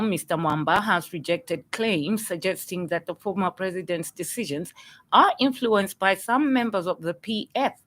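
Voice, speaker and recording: In a radio studio, a woman with a Zambian accent and a voice on the low side reads a scripted news bulletin in a formal, measured manner.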